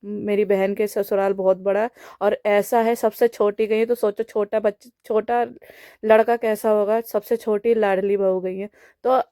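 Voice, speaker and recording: A young woman with a Bihari Hindi accent speaks straight to camera in an indignant, scolding and pleading way. Her pitch barely moves, and her voice sounds mellow. The recording is dry and close. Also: flat delivery, moderate pace, no echo. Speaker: vlogger. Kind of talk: direct-to-camera message.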